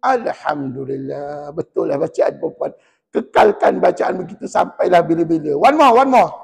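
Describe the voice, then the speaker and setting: A man with a Malaysian Malay accent teaching Quran recitation in a mosque class, drilling and correcting students in a lively, teasing way. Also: a little high, moderate pace, creaky, breathy edge, in a large hall.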